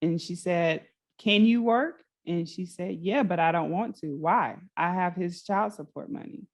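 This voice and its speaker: A woman's voice: fairly low pitch, moderate pace. A woman co-hosting a casual podcast, telling stories and acting out what people said. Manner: animated storyteller acting out quotes. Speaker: podcast co-host.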